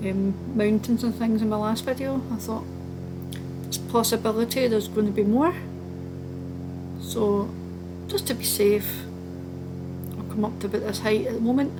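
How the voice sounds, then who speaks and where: A woman hosting a flight video with casual, chatty, relaxed running commentary. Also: medium pitch. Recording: steady background noise behind the voice.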